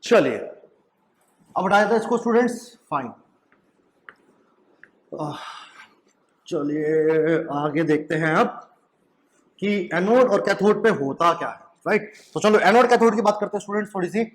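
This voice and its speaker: A man's voice: sits high, lively intonation, moderate pace, pauses often. A young man giving a chemistry lecture to students, repeating his questions back to them and often asking "right?". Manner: mixes in English phrases. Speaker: chemistry teacher. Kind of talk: classroom lecture at a whiteboard.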